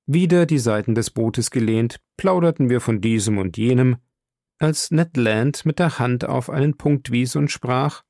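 A man narrating an audiobook in a measured storytelling manner. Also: medium pitch, a little mellow, no echo, studio quality. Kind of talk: scripted narration.

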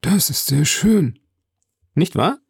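A man reading an audiobook, voicing a pompous older male marquis with fussy, high exclamations. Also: animated, takes it slowly, creaky, husky, full character voice. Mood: fawning.

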